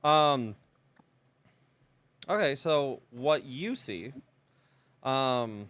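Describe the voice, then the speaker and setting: A man's voice: mid-range voice, lively intonation, extremely slow, fairly bright tone. A man acting as game master, describing a tabletop scene in a hesitant way full of fillers.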